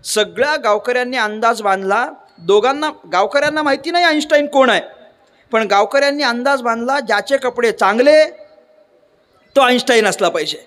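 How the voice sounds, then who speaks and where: A man from Maharashtra preaching a devotional sermon, telling a story with lively asides and rhetorical questions to the crowd. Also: extremely high pitch, fairly quick. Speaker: kirtan preacher. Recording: long reverb of a large hall.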